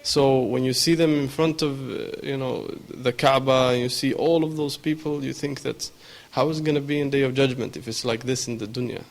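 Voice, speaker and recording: A man reflecting earnestly, often pausing to find his words. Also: mid-range voice, steady tone, low-quality recording. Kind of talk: reflective comment.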